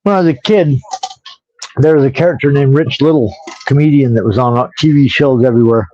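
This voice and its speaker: A man's voice: mid-range voice, fairly quick, dark tone. A man chatting on a live podcast, easygoing and rambling, fond of jokes and impressions. His mid-range voice comes through slightly dull. A faint hiss sits behind him. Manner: rambling, jokey, does impressions. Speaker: podcast co-host. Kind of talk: casual live-stream chat.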